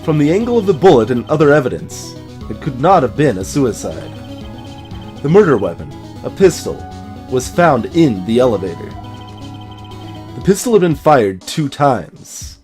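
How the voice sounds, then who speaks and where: Reading a game script aloud with flair, this man drops joking, wry comments in his let's play. He speaks at a normal speed in a medium-pitched, sing-song voice with a slightly mellow quality, and faint music plays behind him.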